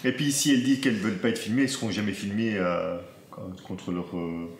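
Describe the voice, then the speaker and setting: A man's voice: fairly low pitch, quick pace. A middle-aged man, a father who edits the family's videos, chatting casually and joking. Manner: relaxed, joking. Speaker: vlogger and father. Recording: echoey with faint noise.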